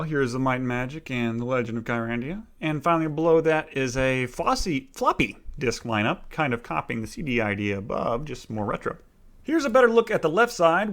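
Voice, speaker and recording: A man's voice: on the high side, fairly bright tone. Man narrating a casual room tour. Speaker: tour guide of own gaming room.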